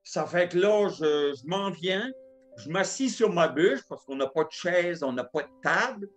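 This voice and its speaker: A man's voice: high voice, expressive, unhurried, soft background music. A man telling a homespun story in a sermon, repeating phrases and acting out the dialogue. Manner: homespun, repetitive, acts out the dialogue. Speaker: preacher telling a testimony.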